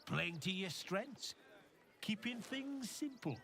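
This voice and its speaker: An actor voicing a brusque male weapon seller who swears and is quick to suspect. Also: high-pitched, lively intonation, vocal fry, a bit bright, full character voice. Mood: probing. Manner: curt, swearing, suspicious. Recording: game audio over faint music.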